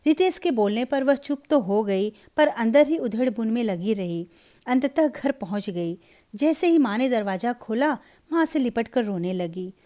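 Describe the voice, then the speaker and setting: A woman narrating a Hindi story in an even, measured storybook reading. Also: on the high side.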